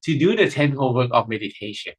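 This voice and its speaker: A man who is a monk, giving a live online meditation talk with many pauses, fillers and restarts. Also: medium pitch, lively intonation, husky, poor audio.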